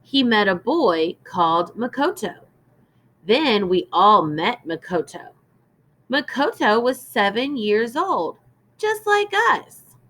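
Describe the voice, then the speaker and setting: In this read-aloud lesson for small children, a woman reads like a teacher, explaining as she goes and prompting her listeners with questions. She paces each phrase unhurriedly, her intonation bright and varied, her manner deliberate and instructive.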